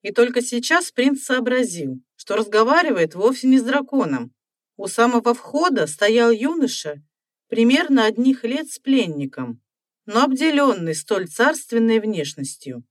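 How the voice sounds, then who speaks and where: A woman's voice: on the high side, dry recording, clean studio sound. A woman narrator reading a scripted fairy tale.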